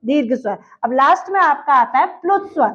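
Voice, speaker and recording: Lady teacher w/ a really high voice, quizzing students then answering herself, kinda muffled audio. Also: lively intonation, a little fast, fairly bright tone. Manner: asks questions and answers them herself. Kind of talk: classroom-style grammar lesson. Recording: dull lo-fi sound.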